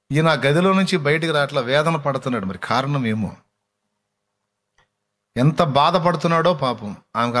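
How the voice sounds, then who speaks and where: A man preaching a sermon in a colloquial storytelling style, swinging between vivid, raised retelling and soft, hushed passages. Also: medium pitch.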